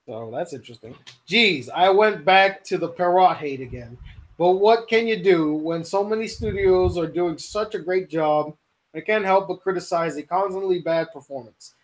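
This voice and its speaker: Young male streamer, high tenor, animated ranting host. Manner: animated, ranting, quick asides. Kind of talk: casual live-stream chat.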